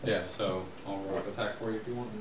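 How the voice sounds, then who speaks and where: A man's voice: on the low side, fairly even intonation, fast. A man playing a tabletop role-playing game, casually announcing his moves with joking, profane asides. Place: echoey room. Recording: echoey room, distant mic, noisy.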